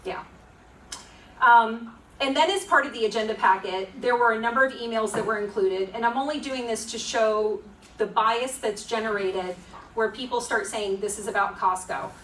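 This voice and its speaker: Echoey, higher-voiced Florida woman presenting. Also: normal speed, a bit bright. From Florida, United States. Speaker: presenter at a community meeting. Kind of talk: informal public presentation. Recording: echoey room, distant mic, faint noise.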